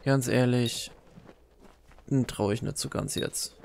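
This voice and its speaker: A man's voice: mid-range voice, steady tone, slow, gravelly, a little hiss or hum. A man casually commenting on his gameplay, chatting to himself and to the enemies he fights. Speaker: let's play commentator. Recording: game music loud behind.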